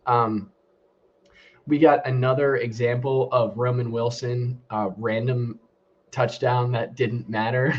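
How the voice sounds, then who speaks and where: A man's voice: mid-range voice, flat delivery, takes it slowly, a little hiss or hum. A man co-hosting a casual sports podcast whose voice sounds muffled and hollow, like he is inside a fishbowl, talking laid-back with many fillers. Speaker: podcast co-host. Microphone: computer mic after headset died. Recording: muffled lo-fi call audio.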